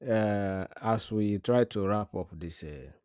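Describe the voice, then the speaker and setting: A man hosting a remote interview, speaking slowly and haltingly over a bad call connection that keeps cutting out. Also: lowish voice, darkish tone, clean tone, dry recording, clean studio sound. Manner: slow, halting, with many fillers.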